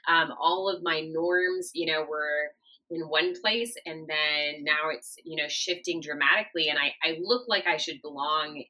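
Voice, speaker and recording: Guest: woman, 30s, from Japan, low voice, bright tone, chatty storyteller. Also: unhurried, poor audio. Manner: chatty, warm storytelling with frequent fillers. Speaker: podcast guest. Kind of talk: casual interview talk.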